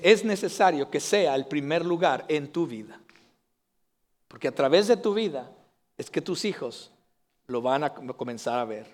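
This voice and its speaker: A male pastor preaching an earnest sermon to his congregation, building to emphatic declarations. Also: high-pitched.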